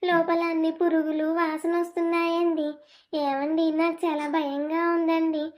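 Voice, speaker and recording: A woman's voice: very high-pitched, little pitch movement, moderate pace, a little mellow. A woman voicing a mistreated young wife who pleads tearfully in a cartoon drama. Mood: pleading.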